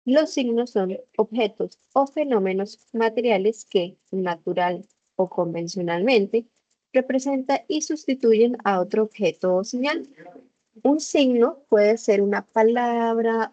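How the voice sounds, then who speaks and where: A woman's voice: on the high side, mellow, no echo. Woman teaching an online class. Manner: explains slowly, asks the class questions. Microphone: video call. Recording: slightly dull video call audio.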